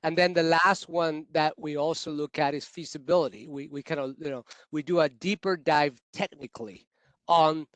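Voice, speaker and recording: A man who leads utility climate adaptation work, giving measured, technical explanations on a video call with frequent restarts. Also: fairly high pitch, steady tone, dry recording. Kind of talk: virtual workshop remarks.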